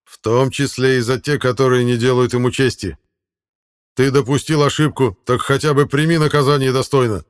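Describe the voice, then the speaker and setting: A man voicing a stern grown Viking king who speaks slowly, hard and lecturing, in an audiobook. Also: mid-range voice, lively intonation, natural voice.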